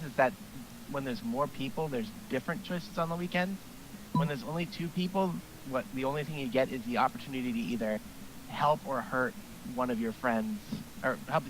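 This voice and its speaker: A man's voice: medium pitch, a little fast, noisy background. A man co-playing on a stream, laid-back as he explains the game. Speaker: streamer's co-player.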